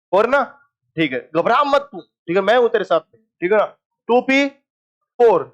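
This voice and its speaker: A man's voice: sits high, muffled recording. A male chemistry teacher lecturing a class, asking his students questions, answering them himself and joking with them.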